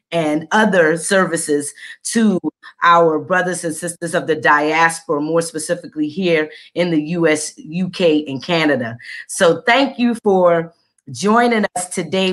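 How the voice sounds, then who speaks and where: A woman from South Carolina opens a panel over a video call. She sounds enthusiastic and fills her pauses with ums and uhs. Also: lowish voice, fairly bright tone. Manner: enthusiastic with many fillers. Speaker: host. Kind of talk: opening a panel.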